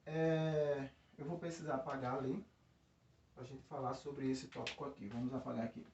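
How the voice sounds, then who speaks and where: A man's voice: medium pitch, little pitch movement, moderate pace, background noise. Male teacher at the board, mic far off, dull roomy sound, keeps checking in. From Brazil. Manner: explains with frequent check-in tags and restarts. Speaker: physics teacher. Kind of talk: recorded classroom lesson. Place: classroom by a board.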